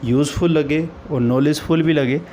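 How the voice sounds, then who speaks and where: A man teaching chemistry in a slow classroom lecture, who asks questions and answers them himself, repeats key terms and mixes in English phrases. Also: on the high side, steady tone, warm tone, muffled recording, a little hiss or hum.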